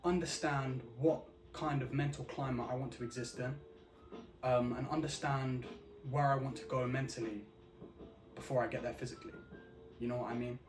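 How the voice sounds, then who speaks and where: A man talking casually and earnestly about his own habits. He speaks slowly and deliberately, and he keeps checking in with the listener by asking if they know what he means. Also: medium pitch, steady tone. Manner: earnest, repeats "you know what I mean"; slow, deliberate, enunciated delivery. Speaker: vlogger. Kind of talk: casual reflective monologue. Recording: roomy echo with music behind.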